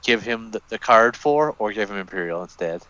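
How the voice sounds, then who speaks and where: A man's voice: fairly low pitch, animated, a little fast, pushed and bright, dull audio, slight background noise. A man commentating a board game tournament, weighing options and thinking aloud with hedges. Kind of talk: strategy analysis commentary.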